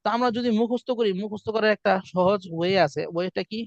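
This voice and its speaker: High-voiced man teaching by rote. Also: fast, no echo. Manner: drills students with call-and-response chanting. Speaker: Quran recitation teacher. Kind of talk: classroom lesson. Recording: dry, muffled lo-fi sound.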